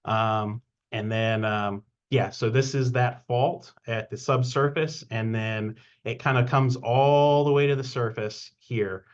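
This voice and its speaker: A man giving a casual technical presentation on a webinar, relaxed and hesitant, with many ums and uhs. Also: mid-range voice, slow pace, hardly any pauses, lo-fi sound.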